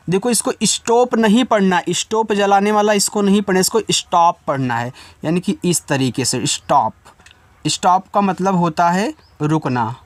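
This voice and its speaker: A man's voice: high voice, dry recording. A man teaching a spoken English lesson, spelling out words letter by letter and asking his viewers questions again and again. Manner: repeats check-ins and asks the viewer questions.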